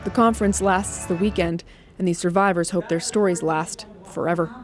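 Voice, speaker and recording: A woman's voice: lowish voice, fairly even intonation, moderate pace, soft background music. Woman reporting from the field. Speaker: news reporter. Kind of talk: scripted news report.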